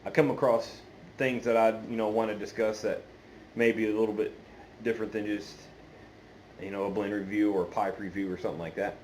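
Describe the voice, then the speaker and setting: A man's voice: on the low side, little pitch movement, a little mellow, a little hiss or hum, poor audio. A man chatting casually to viewers as a video host, hesitant and meandering, on an amateur phone recording. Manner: hesitant, meandering, halting delivery. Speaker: pipe-smoking video channel host. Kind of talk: casual unscripted chat to viewers.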